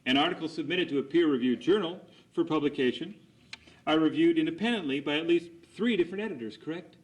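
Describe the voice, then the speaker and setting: A man's voice: a little high, fast, low-quality recording. A man conducting a cross examination as an attorney, putting formal, methodical leading questions and seeking agreement after each statement.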